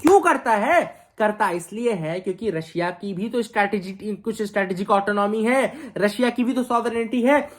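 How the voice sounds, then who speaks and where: In an explanatory video lesson for exam students, a woman teaches chattily, posing rhetorical questions and mixing English phrases into her speech. Her pitch is medium, her speed normal, with few pauses.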